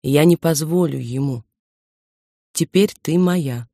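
A woman doing a soft-spoken, possessive young lover. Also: sits low, slow, creaky, dry recording, clean studio sound, heavily acted. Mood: gentle probing. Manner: careful, soft-spoken, self-assured. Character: confident possessive young man, gentle lover.

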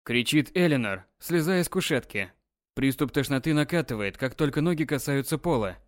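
A man narrating an audiobook in an even, dramatic storytelling manner. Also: mid-range voice, normal speed, no echo, clean studio sound.

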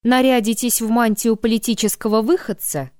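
A woman's voice: on the high side, fairly even intonation, a little fast, a little mellow, dry recording, studio quality, natural voice. A woman voicing an insolent, mocking male blackmailer in an audiobook, talking rudely and with a sneer. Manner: sneering and rude.

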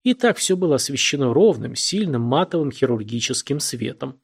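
Husky guy reading a novel, calm expressive narration, mid pitch. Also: normal speed. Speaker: audiobook narrator. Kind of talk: literary narration.

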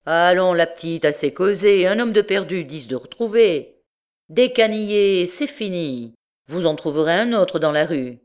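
A woman's voice: on the low side, expressive, unhurried, a little mellow. A woman reading aloud voices a coarse, mocking male omnibus conductor. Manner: rude and mocking.

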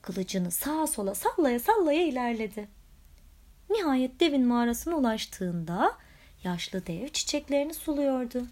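A woman reading a children's picture book aloud with lively, expressive storytelling. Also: sits high, normal speed. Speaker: storybook reader.

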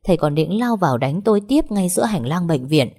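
Woman, audiobook narrator, first person, low voice, steady. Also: a little fast.

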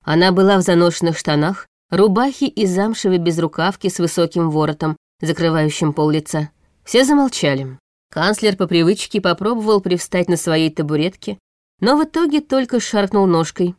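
A woman reads a fantasy audiobook in a calm, measured way. Her voice sits on the low side, and the studio sound is close and dry. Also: no room sound. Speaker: audiobook narrator. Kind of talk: scripted narration of a fantasy novel.

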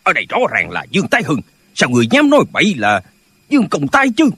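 A man's voice: a little high, wildly swooping pitch, fast, a bit bright, slightly rough, no room sound, heavily acted. A man voicing squabbling old martial-arts brothers. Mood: quarrelsome. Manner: bickering, pedantic, squabbling. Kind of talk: audiobook character voices.

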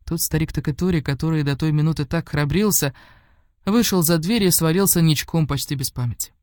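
A woman's voice: deep voice, fairly quick, darkish tone, no echo. Woman narrating a fairy tale, dry close sound. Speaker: audiobook narrator.

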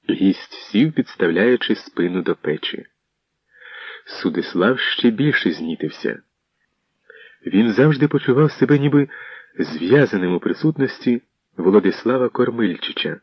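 A man narrating a historical novel as an audiobook in a measured storytelling manner. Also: lowish voice, animated, slightly rough, no room sound. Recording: dull muffled dry audio.

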